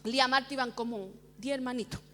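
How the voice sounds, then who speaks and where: A middle-aged woman pastor giving a lively personal testimony in church, often laughing at herself as she tells it. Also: high-pitched, fast, faint music behind. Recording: long church hall reverb.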